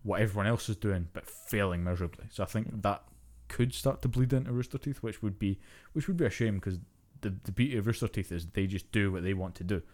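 Low-voiced sweary podcast co-host man. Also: fast talker, hardly any pauses. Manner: profane, ranting, animated. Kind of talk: casual chat.

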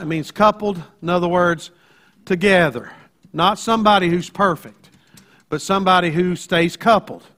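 High-pitched Appalachian man preaching. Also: a bit bright. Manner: folksy storytelling, often checks in with "right?". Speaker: pastor preaching to a congregation. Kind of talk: sermon.

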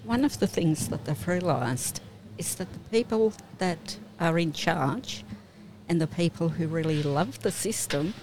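A woman's voice: fairly low pitch, animated, measured pace, darkish tone. A woman talking casually as a panellist on a podcast. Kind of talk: casual discussion. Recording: faint background ambient noise.

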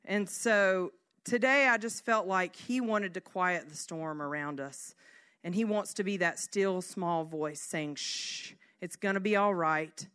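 A middle-aged woman, giving a conversational sermon as an animated storyteller who often asks "right?". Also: fairly low pitch, a little slow, smooth. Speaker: speaker at a church service.

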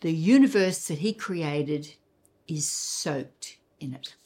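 A woman preacher delivering a sermon, emphatic, with dramatic pauses and repeated words. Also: deep voice, expressive, dark tone.

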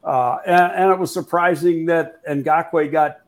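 A man's voice: fairly high pitch, fairly even intonation, unhurried. A man hosting a football talk show, giving frank, analytical opinions in a casual conversational way with frequent fillers and restarts.

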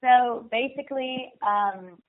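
A woman's voice: fairly high pitch, slow pace. A young woman, heard over a telephone line as an interview guest, talking eagerly and often repeating words for emphasis. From Israel. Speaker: guest actress. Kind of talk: phone interview. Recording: tinny phone line.

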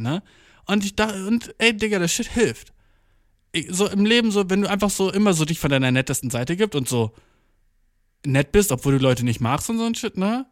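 A man's voice: fairly high pitch, no room sound, studio quality. A young man in a casual monologue, talking slangy and swearing a lot, with English words mixed in. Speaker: vlogger.

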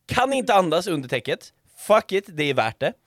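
A man telling an animated comic story as a podcast co-host, swearing a lot and mixing in English phrases. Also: high-pitched, no echo, clean studio sound.

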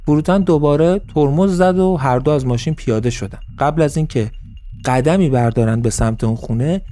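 A man narrating a story in a calm, even storytelling manner. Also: mid-range voice. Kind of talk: scripted narration.

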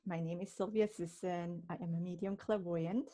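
Woman from switzerland, lowish voice, earnest podcast host, reflective storytelling. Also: fairly even intonation, normal speed, dark tone. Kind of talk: casual podcast talk.

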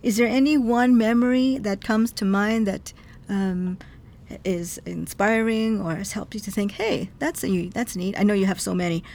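A woman's voice: medium pitch, moderate pace, a little mellow. Affirming woman interview host. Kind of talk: interview conversation.

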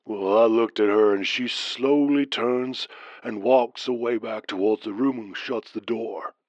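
A man voicing a trucker caller with a deep southern accent, telling a strange tale slowly in a hushed, drawling way. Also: no echo, highs cut off, close to an everyday voice. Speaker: caller in a story. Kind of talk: storytelling narration.

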